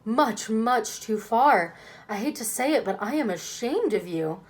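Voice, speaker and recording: A woman's voice: fairly high pitch, animated, unhurried, darkish tone, poor audio. A woman voicing a stern, angry father who scolds his daughter firmly and emphatically in a children's book reading. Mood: angry, ashamed.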